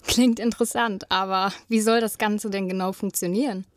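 A young woman co-hosting a student podcast, reading smooth scripted links between the interviews. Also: mid-range voice, fairly even intonation, moderate pace, no echo, studio quality. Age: young adult. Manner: smooth, read-from-script linking. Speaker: podcast co-host, journalism student.

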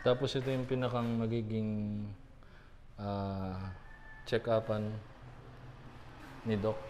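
A man in his thirties chatting casually through a walking tour of a small building, with many fillers and pauses, filmed on a handheld phone. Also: lowish voice, flat delivery, background noise. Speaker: vlogger giving a tour. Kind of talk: casual vlog tour narration. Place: small empty building, indoors and street. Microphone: phone camera held at arm's length.

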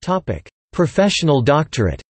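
Husky man reading an article aloud. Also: on the high side, huge pitch swings, dry recording. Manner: measured, spells out abbreviations and punctuation. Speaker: narrator of an audio encyclopedia article. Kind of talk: scripted narration, reading aloud.

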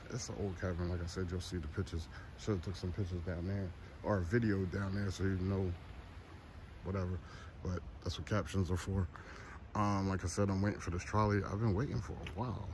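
Here a low-pitched man rambles casually, tossing out slang and jokes in vlog style; he's a podcast host and photographer. The handheld phone, held at arm's length outdoors by trolley tracks on a trestle, picks up plenty of noise and clear outdoor ambience.

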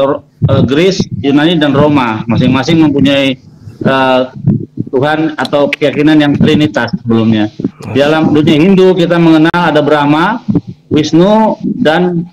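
Higher-voiced man explaining religion. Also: poor audio. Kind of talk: informal explanatory debate talk.

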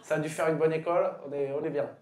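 Guy doing crowd work onstage, handheld mic, echoey club, quick teasing jabs. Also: a little high, fairly even intonation. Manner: teasing, loud bursts of punchlines, quick asides. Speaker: stand-up comedian. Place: comedy club stage, dark curtain backdrop. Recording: roomy club with loud crowd. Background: audience laughing.

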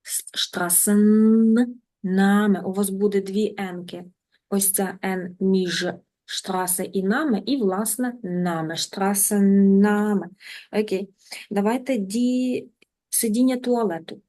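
A woman teacher giving an online language lesson, patient, slowing down and repeating words so learners can follow. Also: medium pitch, darkish tone. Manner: patient, repeats words slowly and drills them. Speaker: German teacher.

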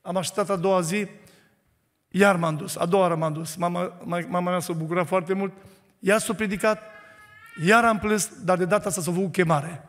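A man's voice: sits high, steady tone. A Romanian man giving an earnest, emotional testimony sermon in church, building to fervent preaching. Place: church hall. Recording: echoey church hall.

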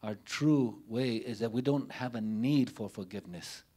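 A middle-aged man, a panelist at a community forum, tells personal stories in unscripted public speech. His mid-range voice is dark and slightly rough, and he speaks deliberately and haltingly in short phrases with pauses. He stands in an indoor forum room before a banner, holding a handheld microphone near his mouth.

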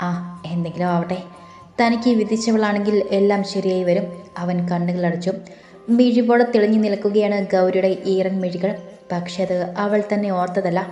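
A woman narrating a romantic audiobook story in a calm, even, gentle reading. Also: mid-range voice. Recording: roomy with faint music.

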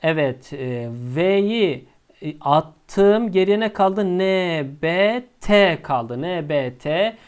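A male teacher explaining a lesson step by step, asking himself questions and answering them, and drawing out the key words slowly. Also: high-pitched, expressive, clear, resonant tone.

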